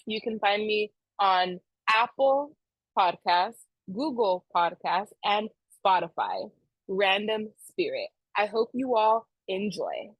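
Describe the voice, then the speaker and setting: A woman's voice: medium pitch, lively intonation, takes it slowly, no echo, lo-fi sound. A woman hosting a podcast interview, chatting in a bubbly, giggly way. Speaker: podcast host. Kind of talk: casual interview chat.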